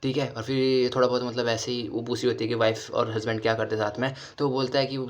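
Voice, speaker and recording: Male recap narrator, fast run-on casual delivery, monotone. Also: medium pitch. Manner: rapid, run-on retelling with repeated linking phrases and restarts. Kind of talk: casual spoken retelling of an episode.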